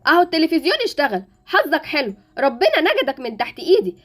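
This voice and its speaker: A woman voicing an impatient, sharp-tongued mother in a Roblox story drama, with an Egyptian accent and a mocking, scolding way of talking. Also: high voice, sing-song, fast, faint music behind. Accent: Egyptian Arabic.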